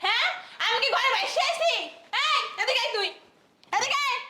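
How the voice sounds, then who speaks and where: A woman's voice: extremely high pitch, expressive, moderate pace, bright, forceful tone, heavily acted. A woman playing a nagging older mother-in-law in a comedy skit, firing off scolding rhetorical questions and tagging each with "haan?".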